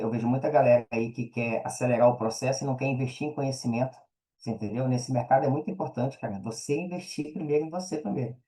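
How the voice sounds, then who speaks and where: Heard on poor audio, a podcast guest with a Brazilian accent chats informally in a casual interview. His medium-pitched voice has a warm tone, and he keeps checking in to make sure the listener is following.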